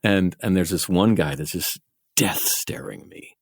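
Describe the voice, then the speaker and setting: Low-voiced man telling a story. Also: measured pace, slightly rough, no room sound, clean studio sound. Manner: animated, self-mocking, laughs often, many restarts. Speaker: podcast co-host and actor. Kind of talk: casual storytelling chat.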